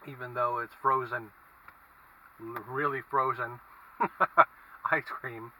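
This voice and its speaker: A man giving a casual food review as he eats, speaking in a halting, musing way inside a car. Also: mid-range voice, little pitch movement, sharp tone. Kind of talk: casual vlog review, talking while eating. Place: inside a parked car with windows down. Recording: distant mic, faint car and traffic noise.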